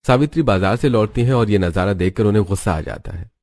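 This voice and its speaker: A man giving scripted, even narration for a cartoon story. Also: on the low side, fast talker, dry recording, clean studio sound.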